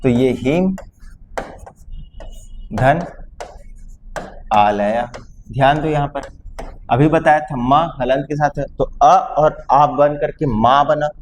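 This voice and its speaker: A male teacher from Chhattisgarh lecturing a class on grammar, speaking to students fondly and checking often whether they understood, drawing vowel sounds out slowly. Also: on the high side, slight background noise. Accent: Chhattisgarh Hindi.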